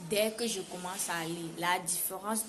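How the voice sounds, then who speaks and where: Cameroonian French woman, animated storyteller. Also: on the low side, normal speed. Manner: animated, repeats words for emphasis. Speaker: vlogger. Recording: noisy background hiss.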